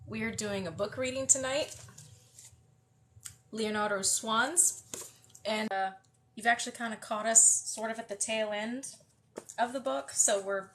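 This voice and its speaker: Poor audio carries this medium-pitched, slightly nasal and congested female voice. She's a West Coast American hosting a livestreamed book reading, greeting viewers and chatting casually with lots of fillers and restarts.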